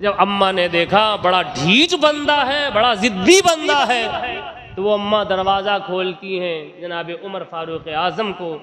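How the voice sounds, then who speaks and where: A man from Jaunpur, India, preaching a storytelling sermon, firing rhetorical questions and emphatic lists, recorded live with a crowd audible. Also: sits high. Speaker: Islamic preacher.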